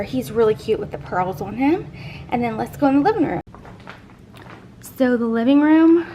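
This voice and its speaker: A woman walks through her home, chatting in a slightly high, upbeat voice with plenty of ums. A faint household hiss sits under her talk. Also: rough recording. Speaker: home decor vlogger. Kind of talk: casual house tour narration. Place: inside a home.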